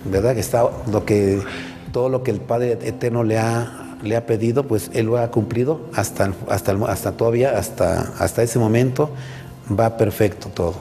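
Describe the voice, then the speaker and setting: A priest with a Mexican Spanish accent, explaining the Mass in a reflective teaching manner and often pausing to ask "¿verdad?". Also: male voice, lowish voice, dark tone. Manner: reflective, with frequent "¿verdad?" and halting repetitions. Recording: hall reverb with faint music behind.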